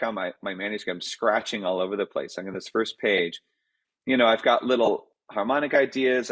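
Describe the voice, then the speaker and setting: Man low-voiced composer answering questions. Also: rough recording. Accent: American. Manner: thoughtful, halting, many fillers and restarts; reads out audience questions. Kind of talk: casual Q&A talk.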